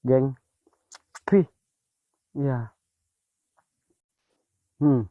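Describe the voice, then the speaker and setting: Hushed man ghost-hunting at night. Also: medium pitch, extremely slow, no echo. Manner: hushed, murmuring tense exclamations and prayers. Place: outdoors among trees at night. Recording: dull lo-fi audio.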